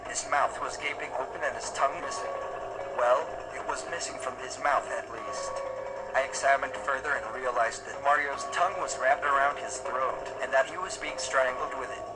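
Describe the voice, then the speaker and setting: A man's voice: medium pitch, normal speed, loud music behind the voice, low-quality recording. A man's text-to-speech voice reading a scripted first-person story as a narrator. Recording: loud noise behind the voice.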